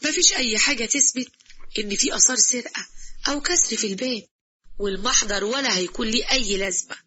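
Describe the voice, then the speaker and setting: A woman's voice: fairly high pitch, quick pace, pushed and bright, slightly rough. A woman voicing an irritable young husband with an Egyptian accent. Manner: snappy, complaining.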